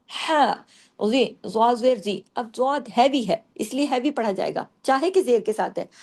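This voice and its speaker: A woman's voice: on the high side, a little mellow. Woman teaching recitation, syllable by syllable. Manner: breaks words into syllables and repeats them slowly; asks and answers her own questions. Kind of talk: tajweed lesson explaining pronunciation.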